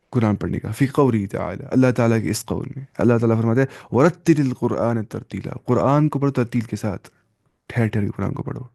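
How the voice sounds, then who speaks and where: A man's voice: medium pitch, gravelly, warm tone, dry recording, studio quality. A man teaching a Quran tajweed lesson. He mixes English terms into his explanations and asks and answers his own questions.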